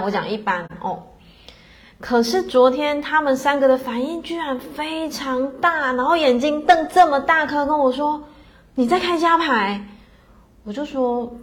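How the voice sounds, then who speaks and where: A middle-aged woman telling a personal story in a casual, chatty way, full of fillers and tag questions. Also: fairly high pitch. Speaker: podcast host.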